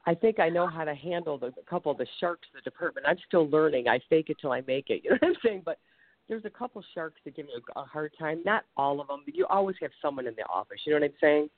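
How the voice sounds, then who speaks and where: A woman's voice: low voice, expressive, fast, no room sound. A chatty woman from Ohio calling in to a radio show over the phone, rambling a little and laughing easily. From Ohio, USA. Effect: caller heard over a phone line. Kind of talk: casual call-in question. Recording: tinny phone line, dry.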